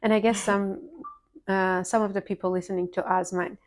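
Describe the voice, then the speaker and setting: A woman hosts a casual podcast and interviews a friend. Her voice sits in a middle range, and she asks her questions in a warm, encouraging way. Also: medium pitch, level tone, moderate pace. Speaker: podcast host.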